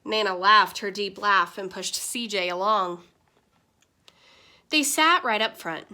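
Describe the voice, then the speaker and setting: Woman, teacher, picture book read-aloud, expressive, bright and clear. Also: mid-range voice, slow pace. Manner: expressive, lively storytelling.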